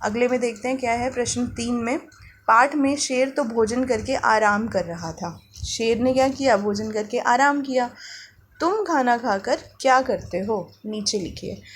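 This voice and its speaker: A woman's voice: fairly high pitch, slight background noise. Woman teacher sounding out words. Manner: slow, syllable-by-syllable reading of words for young pupils; asks the class questions and answers them herself. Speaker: primary school teacher. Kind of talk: worksheet lesson for children.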